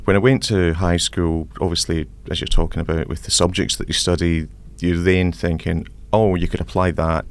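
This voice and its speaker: Low gravelly Scottish man. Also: level tone, moderate pace, hardly any pauses. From Scotland. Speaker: civil engineer guest. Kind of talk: podcast interview.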